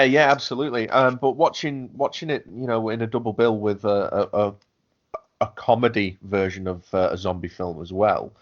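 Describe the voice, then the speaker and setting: On a podcast, a male co-host rambles through a casual film chat, full of fillers and restarts. His voice is on the low side and the audio is dull.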